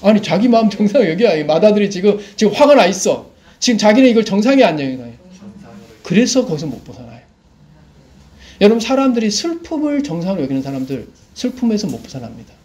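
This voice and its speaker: A male pastor preaching a sermon, his voice sitting high and swinging widely in pitch. He keeps asking the congregation questions and answering them himself. He sounds middle-aged. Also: darkish tone.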